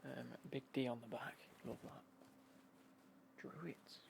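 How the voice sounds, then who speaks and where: A British man speaks in a hushed, breathy whisper that often drops into a very gravelly, creaky murmur. He chats informally, as in an ASMR unboxing, rambling along with understated remarks. Faint noise sits behind his voice. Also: mid-range voice, takes it slowly. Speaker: ASMR vlogger showing golf clothing.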